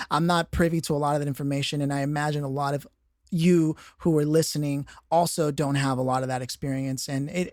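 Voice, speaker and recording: A man's voice: on the high side, darkish tone, no room sound, clean studio sound. A man hosting a career podcast, introducing the show and interviewing a guest, earnest and prone to restarting his words. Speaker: podcast host.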